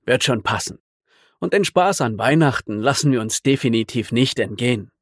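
A man reading an easygoing, generous young man in a relaxed, offhand way, a little lower than his narrating voice. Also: normal speed, no room sound, studio quality. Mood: breezy.

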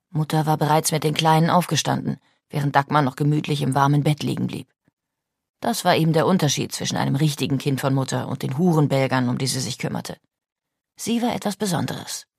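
A woman's voice: deep voice, a little fast, vocal fry, darkish tone, breathy edge, no echo, studio quality. A woman reading a novel aloud as audiobook narration, raising her voice for the characters' lines. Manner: reads the characters' lines with raised voice.

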